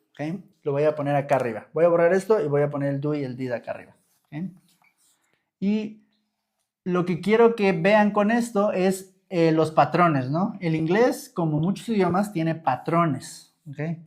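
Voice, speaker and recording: A man's voice: a little high, moderate pace, darkish tone. A young man from Mexico with a Mexican Spanish accent, teaching English grammar on a live stream, chatting with viewers and checking in with "¿ok?" all the time. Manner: chatty, answers viewer comments, checks in with "¿ok?" often.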